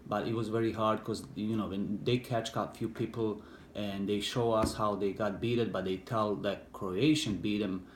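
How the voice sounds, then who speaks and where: A middle-aged man from Bosnia with a Bosnian accent, English not his first language, recalling his past haltingly with many fillers and restarts in an interview. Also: lowish voice, steady tone. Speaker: interviewee, war veteran. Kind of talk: personal recollection, hesitant. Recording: echoey room with faint background noise.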